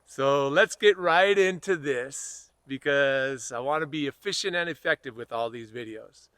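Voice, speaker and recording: An American man giving a slow, earnest spiritual self-help lesson, speaking softly and repeating phrases. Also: medium pitch, clean tone, dry recording, clean studio sound. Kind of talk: guided spiritual talk to camera.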